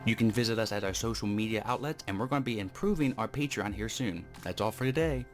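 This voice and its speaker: A man's voice: fairly low pitch, quick pace, faint music behind. A man hosting his own channel, giving a chatty, rambling board game review and walking through the rules step by step. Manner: loose, rambling, with fillers and restarts. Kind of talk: casual video review.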